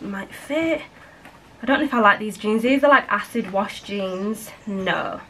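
A woman's voice: fairly high pitch, a bit bright, slight background noise, rough recording. A young woman from Britain chatting casually to camera at home, rambling and filling her talk with "like" and "blah, blah, blah". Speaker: vlogger. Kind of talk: casual vlog chat to camera. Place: at home indoors.

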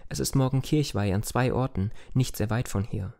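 A man voicing a tender, lively young village girl in a raised, eager pleading tone. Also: medium pitch, moderate pace, creaky, lightly acted. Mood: hopeful.

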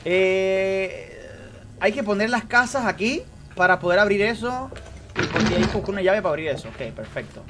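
High-voiced excitable streamer man. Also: normal speed, noisy background. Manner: excitable, repeats phrases, addresses chat directly. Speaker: gaming streamer. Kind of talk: live gameplay commentary.

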